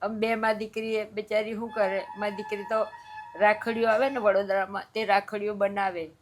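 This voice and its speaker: A woman's voice: medium pitch, level tone, moderate pace, slight background noise. An older woman, crying as she tells of her hardships in an interview, pleading and repeating herself. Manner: tearful, pleading, repetitive. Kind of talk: emotional personal account.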